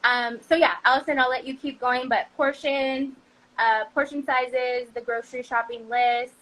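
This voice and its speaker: A woman's voice: sits high, fairly even intonation, normal speed, a bit bright, poor audio. A woman guest on a casual live-stream chat who talks in a loose, chatty way with many fillers.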